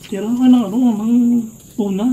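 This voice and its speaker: A man chatting casually over a meal with friends outdoors at night, making quick remarks between bites. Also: high voice, fairly even intonation, mellow, distant mic, a little hiss or hum. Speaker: vlog cohost.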